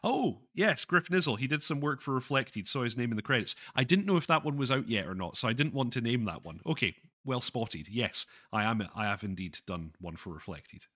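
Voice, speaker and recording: A man hosting a live stream, chatting casually with viewers, self-deprecating and halting, with many restarts. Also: mid-range voice, lively intonation, bright, forceful tone. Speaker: livestream host reading chat.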